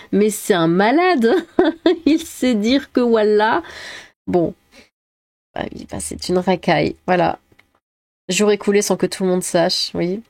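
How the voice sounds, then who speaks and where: Woman streamer, mid-pitched, blunt and rambling live commentary, dry close mic. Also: slow pace, pauses often, darkish tone, no echo. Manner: blunt, opinionated, rambling asides. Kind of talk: live reaction commentary and reading chat.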